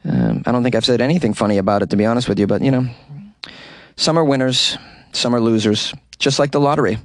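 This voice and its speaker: A man's voice: medium pitch, quick pace, no echo. Guy doing a funny news podcast from a closet, super dry sound, wry and rambly, pokes fun at himself. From New England. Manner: rambling, self-deprecating, wry. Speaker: podcast host. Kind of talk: casual comedic commentary on odd news. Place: small hot closet.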